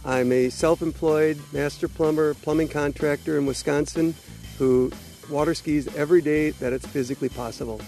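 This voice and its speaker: A man's voice: a little high, steady tone, normal speed, dark tone, soft background music. A man in his fifties, a plumber who water skis, speaking earnestly and with enthusiasm. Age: 50s. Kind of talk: casual interview talk.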